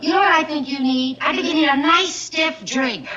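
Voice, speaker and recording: An actress playing a solicitous young housewife in a 1960s television sitcom, on muffled old audio. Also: female voice, sits high, moderate pace, heavy background noise, natural voice. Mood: sweetly attentive.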